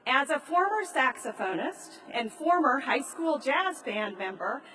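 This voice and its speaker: An American woman speaking as a presiding judge, giving a formal, measured ceremonial address. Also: high voice, very animated, bright, forceful tone. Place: large grand hall in a train station. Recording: echoey large hall, distant mic.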